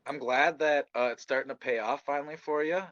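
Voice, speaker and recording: A man's voice: medium pitch, steady tone, fairly quick, fairly bright tone, no echo, dull audio. A man hosting a podcast, asking questions in an upbeat, friendly casual interview. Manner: upbeat, friendly, hype intro. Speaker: podcast host.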